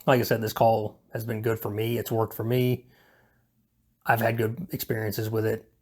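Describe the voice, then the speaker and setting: Speaking at normal speed in a completely flat, low, darkish and slightly rough voice, this man walks through a hobby how-to at home. The video is casual and unscripted, and he rambles in a hesitant, self-deprecating, laid-back way.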